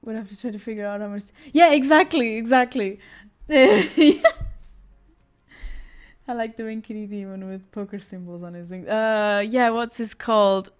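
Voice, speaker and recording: This young woman speaks at a normal speed in an expressive, fairly high voice as she streams her drawing. Her casual chatter wanders, broken up by fillers, restarts and plenty of laughter.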